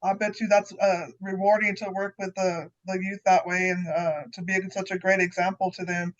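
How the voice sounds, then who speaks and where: A woman's voice: medium pitch, flat delivery, moderate pace. Chatty woman podcast host, lo-fi. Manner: chatty, encouraging, laughs easily. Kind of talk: casual podcast chat. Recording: slightly dull lo-fi sound.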